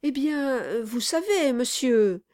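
A woman's voice: sits high, animated, slow pace, a little mellow, voice pushed up. A woman doing a fawning, timid male lawyer. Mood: nervous. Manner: fawning, hesitant, deferential "monsieur".

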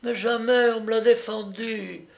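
A man's voice: steady tone, unhurried, creaky, full character voice. A man voicing a stubborn young maid who insists, in a raised voice, that nobody passes. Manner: high, insistent refusals.

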